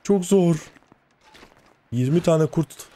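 A man's voice: on the high side, slow pace, warm tone. A man giving let's play commentary as he plays, talking to himself and swearing often in exasperation. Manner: talks to himself while playing. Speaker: gaming channel host.

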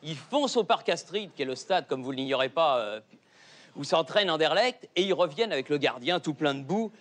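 Sex: man. Role: a bright, high-voiced panelist telling a joke. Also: fairly quick. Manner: lively, emphatic storytelling. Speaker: talk show panelist.

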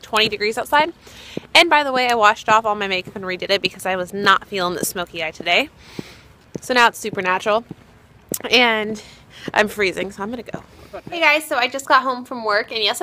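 Young female vlogger, bright, chatty, holding a camera at arm's length. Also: mid-range voice. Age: young adult. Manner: chatty, upbeat, quick asides to camera. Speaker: beauty vlogger. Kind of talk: casual vlog chat.

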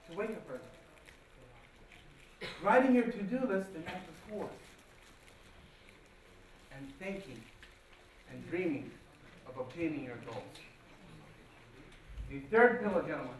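A man delivers a formal motivational address on stage with a high-pitched voice. His delivery is slow and rehearsed, broken into measured phrases with weighty pauses. The big hall around him echoes heavily. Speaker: guest speaker at a speech competition. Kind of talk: formal motivational speech, public oratory. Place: large auditorium stage, indoors. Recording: very echoey hall, distant, faint noise.

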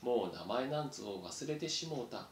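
Man as elderly frail mouse, storybook. Soft, slow, old-fashioned talk; echoey room. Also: lively intonation, natural voice. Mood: weary. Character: old frail forgetful male mouse, quiet. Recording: roomy echo, faint rumble.

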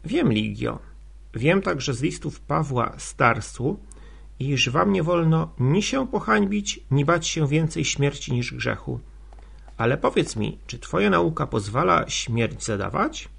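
A man doing a gentle, persuasive young freedwoman. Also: a little high, animated, unhurried, gravelly, breathy edge, heavily acted. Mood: earnest.

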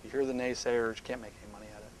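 A middle-aged man speaking at a live seminar on a small indoor stage, emphatic and animated, sometimes dropping to hushed asides. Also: mid-range voice, rapid-fire, slight background noise, poor audio.

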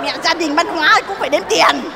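A shrill greedy old mother. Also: fairly quick, gravelly, big-room sound, over a noisy crowd, very noisy. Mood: excited. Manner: shrill and shouting. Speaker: comedy sketch actress. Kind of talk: stage comedy sketch.

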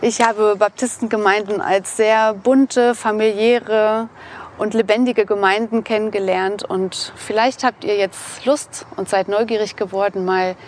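A woman in her thirties from eastern Germany, calmly presenting to camera outdoors on a lapel mic. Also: medium pitch, measured pace, a little hiss or hum. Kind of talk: scripted explainer to camera. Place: outdoors in a sunny park.

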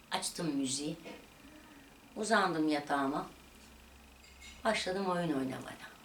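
Woman vlogger, lower register, lively storytelling, echoey room with faint noise. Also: recorded from a distance. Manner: animated retelling of a quarrel, voices rising and dropping. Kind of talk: casual storytelling.

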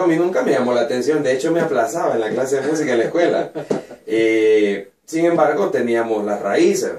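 Animated Honduran man telling stories. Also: medium pitch, far from the mic. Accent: Honduran Spanish. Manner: animated, laughs while telling anecdotes. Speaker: guest singer-songwriter. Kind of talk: storytelling interview answers. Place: small radio studio with red wall. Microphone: boom mic at a desk, headphones on. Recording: echoey room, voice picked up from afar.

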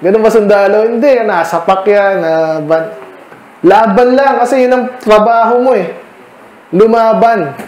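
A man's voice: high-pitched, measured pace, a little mellow, echoey room, poor audio. A male pastor with a Filipino accent leading a midweek Bible study, talking in a conversational way and calling on listeners by name to answer. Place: church meeting room.

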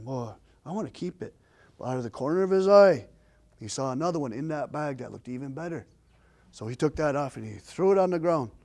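A man's voice: a little high, vocal fry, darkish tone. A man telling a traditional story in a folksy, repetitive oral style. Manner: folksy, repetitive, rising with the action.

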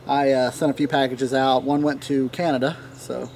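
Speaking flatly and a little mellow, a Tennessee man who reviews pipe tobacco wanders through a laid-back vlog, often pausing, at an average male pitch. A camera a few feet away captures him on a wooden deck in a leafy yard, with slight background noise. Birds chirp around him and a dog sometimes barks.

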